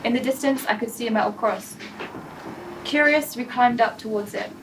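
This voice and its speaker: A young woman reads out an adventure story in a lively way. Her voice is fairly high. She is far from the mic with clear noise behind. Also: moderate pace. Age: young adult. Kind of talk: reading a personal story.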